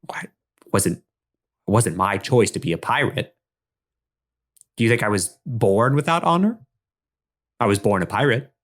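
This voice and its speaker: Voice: medium pitch, expressive, measured pace, pauses often. A player voicing a cheeky young male pirate who keeps firing wisecracking questions. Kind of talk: improvised tabletop role-play.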